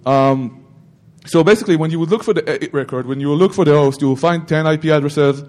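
A man's voice: fairly high pitch, fast talker, a little mellow. A middle-aged man giving an informal technical talk at a security conference, rambling with self-corrections and joking asides to the audience.

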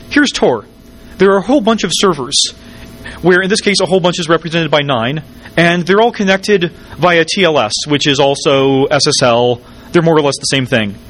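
A man giving a technical conference talk, wired on caffeine, hurried and jittery with stumbles and dry, wry asides. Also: on the high side, a bit bright. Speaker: conference speaker.

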